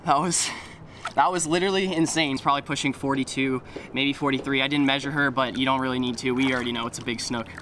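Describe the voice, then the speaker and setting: A young adult fishing vlogger wades through water outdoors, narrating excitedly and breathlessly into an action camera mic. His medium-pitched voice is fast, and he exclaims loudly at his catches. Outdoor noise can be heard behind him.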